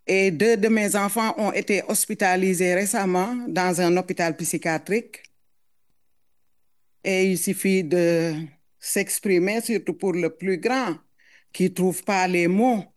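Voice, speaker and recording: A middle-aged woman with a foreign accent speaks as a mother addressing a public audience. Her delivery is slow and unhurried, earnest and halting, and she often repeats a word before finding the next. Her voice sits at an ordinary, mid pitch. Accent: foreign accent in French. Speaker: mother giving public testimony. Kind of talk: emotional public testimony.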